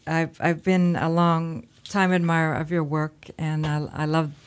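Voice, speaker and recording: Low-voiced woman radio host. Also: little pitch movement, measured pace, smooth. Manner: scripted introduction, then friendly chat. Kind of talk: radio interview.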